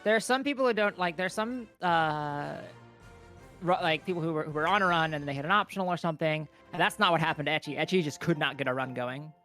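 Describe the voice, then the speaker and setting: A man co-comments a speedrun livestream, keeping it chatty and playful with quick restarts. His voice is fairly high with a sharp tone, he talks close into his own mic, and soft music plays in the background.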